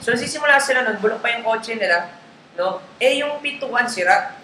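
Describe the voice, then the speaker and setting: A very high, bright, and forceful male voice with lively intonation moves a little fast as he coaches a live network marketing group. He switches casually between Tagalog and English, checking in with listeners often, in a roomy, echoey recording with faint background noise.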